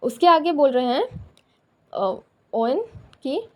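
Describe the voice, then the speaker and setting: High-voiced Indian woman teaching a poem. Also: very animated, darkish tone. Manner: explains step by step, often repeating "theek hai"; reads English lines slowly and carefully. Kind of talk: poetry lesson mixing Hindi and English.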